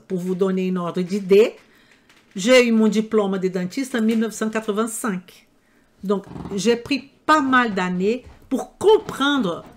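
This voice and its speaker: Slow, emphatic older woman with an accent. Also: a little high. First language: not French. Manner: slow, emphatic, rhetorical questions. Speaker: nutrition trainer. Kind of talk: lecture to health professionals. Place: room with live audience.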